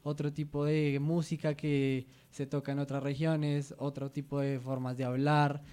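A man's voice: fairly high pitch, flat delivery, unhurried, warm tone, clear, resonant tone. Man co-hosting a chatty podcast. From Colombia. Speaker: podcast co-host. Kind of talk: casual radio chat.

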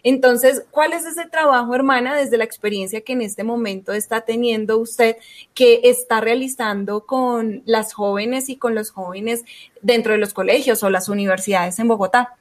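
A woman's voice: a little high, steady tone, moderate pace. A woman interviewing a religious sister, asking long, polite questions with formal address.

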